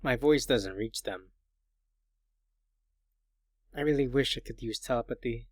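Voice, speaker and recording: A man reading the quiet, confessional inner monologue of a lonely, fearful teenage schoolgirl in a visual novel. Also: medium pitch, a little slow, no room sound, studio quality, close to an everyday voice.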